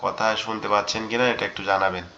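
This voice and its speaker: A man's voice: on the low side, gravelly, background noise. Man teaching Quran reading on a dull line. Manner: slow, drawn-out Arabic prayer recitation, then steady letter-by-letter drilling. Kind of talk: online Quran reading class. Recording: dull lo-fi online class audio.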